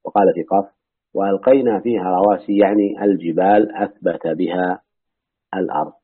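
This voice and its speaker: A man reading a classical Quran commentary aloud in a measured way, adding brief remarks of his own. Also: steady tone, breathy edge, no room sound. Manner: measured reading that drops to low asides. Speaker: reader and teacher of Quran commentary. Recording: dry, tinny phone-like audio.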